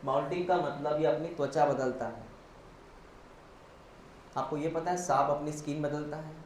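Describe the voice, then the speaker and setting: Male biology teacher, slightly high voice, quizzing lecture style, echoey classroom with faint noise. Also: steady tone, moderate pace. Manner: explains step by step, quizzing students and answering himself; mixes Hindi with English terms, spells words out.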